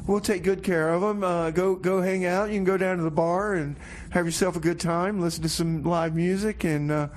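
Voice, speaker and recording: A man with a high, steady voice hosts a community radio show, filling it with casual comedic patter. His delivery is halting, folksy and mock-earnest.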